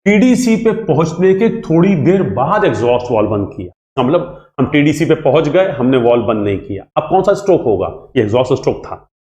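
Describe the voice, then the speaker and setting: Lively Hindi-speaking male engineering teacher. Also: mid-range voice, brisk, few pauses. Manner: lively, repetitive, acts out student questions and his replies. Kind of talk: classroom lecture. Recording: echoey room.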